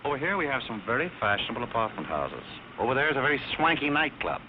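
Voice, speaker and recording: A man plays a debonair, dryly witty gentleman in quick-fire screwball banter. His delivery is brisk and very lively. The 1930s film soundtrack is noisy. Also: medium pitch, lo-fi sound, close to an everyday voice. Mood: earnest, sardonic. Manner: dry screwball comedy banter, wry. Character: wry, debonair man with dry humor. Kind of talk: 1930s film comedy acting.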